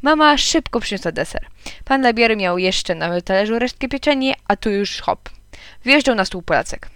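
A woman reading a children's storybook aloud in a lively way, narrating as a small boy. Her voice is smooth and resonant, and the recording is dry and close, with no room sound. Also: fairly high pitch, moderate pace, dry recording. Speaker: audiobook reader. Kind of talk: children's audiobook narration, told as a young boy.

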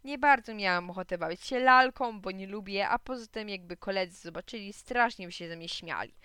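A woman reading a children's story aloud in a lively, expressive way. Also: mid-range voice, fairly quick, clean tone, dry recording, clean studio sound. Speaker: reader.

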